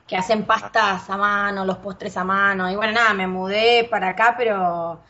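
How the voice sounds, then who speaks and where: A woman from Argentina with an Argentine Spanish accent sprinkled with Puerto Rican words, chatting casually, swearing freely and telling animated stories. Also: medium pitch, moderate pace, dull audio. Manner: swears freely, animated storytelling with put-on voices. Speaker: guest. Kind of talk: casual chat.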